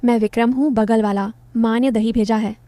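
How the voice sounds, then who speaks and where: Shy young male student, halting and polite, voiced by a woman storyteller; mellow tone. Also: on the high side, steady tone, dry recording, natural voice. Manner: hesitant, shy.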